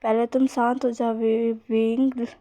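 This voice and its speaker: A woman's voice: on the high side, level tone, unhurried, warm tone, dry recording, natural voice. Girl voicing a worried young guy friend, soothing, asks lots of questions. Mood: concerned. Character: caring young male friend.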